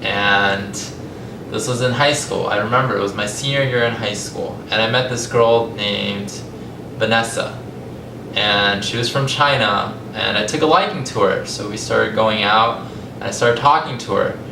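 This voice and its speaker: A young man from California with an American accent and vocal fry tells personal stories conversationally, with measured pauses. The founder of a language company, he's giving a public talk. The recording is echoey and roomy, with a distant mic and a noisy, rumbling room.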